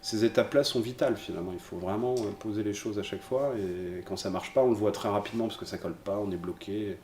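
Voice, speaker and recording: A man's voice: on the low side, fast talker, a little mellow. A man, a comic book writer, answering interview questions thoughtfully and searching for his words. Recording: roomy echo, faint noise.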